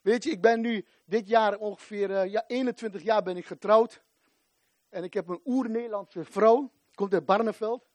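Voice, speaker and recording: A man in his forties preaching a fervent sermon, rising to shouts at the climaxes. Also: sits high, steady tone, normal speed, dry recording.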